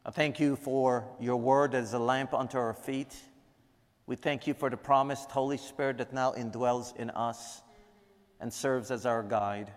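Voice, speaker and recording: Steady in tone and measured in pace, this mid-range male voice belongs to a Guyanese preacher giving a sermon and prayer. He teaches emphatically, driving key lines home through repetition, while a large hall's long reverb trails behind him.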